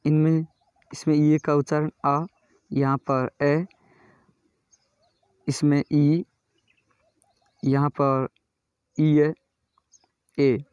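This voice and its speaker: A man teaching English pronunciation in a slow classroom style, reading word lists aloud and repeating each word. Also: on the high side, level tone, darkish tone, clear, resonant tone, dry recording. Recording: dull, lo-fi and dry.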